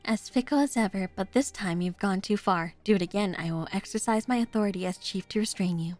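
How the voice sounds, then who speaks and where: A woman's voice: medium pitch, a little fast, darkish tone, faint music behind, lightly acted. A woman doing a stern chief detective. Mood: stern warning. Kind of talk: dramatic reading of game dialogue.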